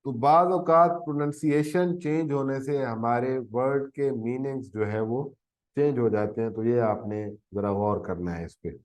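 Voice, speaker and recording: A man's voice: mid-range voice, steady tone, normal speed, darkish tone, low-quality recording. A man with a Pakistani Urdu accent teaching a grammar lesson, often coughing, correcting himself and checking in with "theek hai ji". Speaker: English teacher. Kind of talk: grammar lesson explaining tenses.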